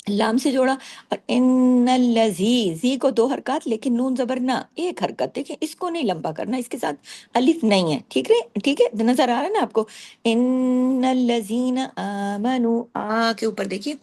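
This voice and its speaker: Patient woman tajweed teacher, mellow voice. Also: a little high, breathy edge. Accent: Pakistani Urdu. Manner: patient, repeats rules, checks understanding with "theek hai". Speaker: Quran recitation teacher. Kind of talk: Quran tajweed lesson, explaining and reciting verses slowly.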